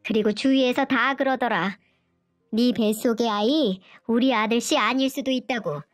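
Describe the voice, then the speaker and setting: A woman's voice: moderate pace, soft background music, natural voice. A woman voicing a harsh, scolding older mother-in-law who nags with contempt in a storybook narration. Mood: contemptuous. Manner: shrill, nagging, contemptuous.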